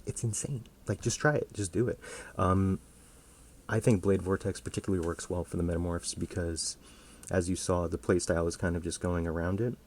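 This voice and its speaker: A low-voiced man with a gravelly, creaky edge talks through his gameplay in a loose, rambling way. He swears freely and leans on fillers. A faint hiss of noise sits behind him. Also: fairly even intonation, brisk, a little mellow. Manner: rambling and profane, many fillers. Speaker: gaming video host. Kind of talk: casual gameplay commentary.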